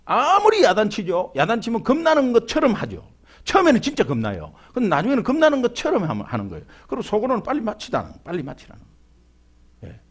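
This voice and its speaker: A middle-aged male pastor from Busan delivers a sermon in a Gyeongsang accent. His voice sits high and leaps all over the place, and he plays out the people he quotes with humor. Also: husky. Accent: Gyeongsang (Busan) Korean. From Busan, South Korea.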